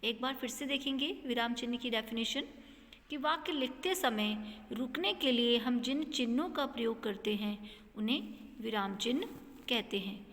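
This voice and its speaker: Woman teacher explaining a lesson, kinda high voice, patient, lots of room echo. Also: normal speed, a bit bright. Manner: explains patiently, checks in with "ठीक है". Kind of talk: classroom lesson.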